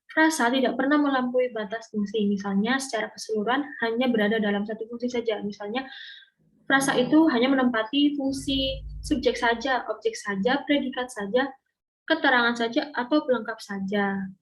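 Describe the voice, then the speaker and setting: Young woman, slightly high voice, careful lesson delivery with frequent restarts. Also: normal speed, poor audio. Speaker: student presenter explaining syntax. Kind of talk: read-aloud lesson.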